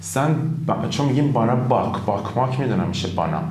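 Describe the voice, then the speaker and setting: A man's voice: medium pitch, animated, darkish tone. A man teaching a casual language lesson at a whiteboard, chatty and improvising, telling his viewers to repeat after him. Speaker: Turkish teacher. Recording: roomy echo.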